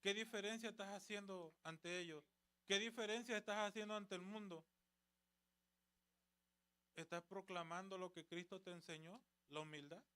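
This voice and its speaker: A man's voice: high voice, fairly even intonation, normal speed, pauses often, sharp tone, smooth. A man preaching at a church youth service, exhorting with rhetorical questions and retelling conversations. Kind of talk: sermon.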